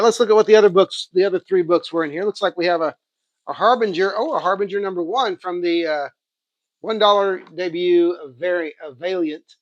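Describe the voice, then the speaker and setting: A comics channel host with an Oklahoma accent casually shows off and reviews his haul, rambling and thinking aloud. His voice is high, and the audio is dry and dull.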